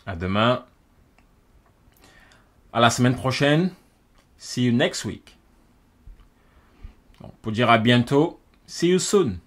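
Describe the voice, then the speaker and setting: Guy going through english phrases slowly, says each one twice, normal pitch. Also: very animated. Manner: repeats each phrase in both languages, slows down for the English. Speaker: English teacher. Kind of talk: French-language English lesson, phrase by phrase.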